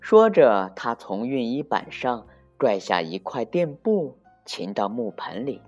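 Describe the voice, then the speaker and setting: Unhurried, animated reader of a kids' storybook, soft music underneath. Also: medium pitch, dull audio. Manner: slow, expressive. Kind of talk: children's story narration.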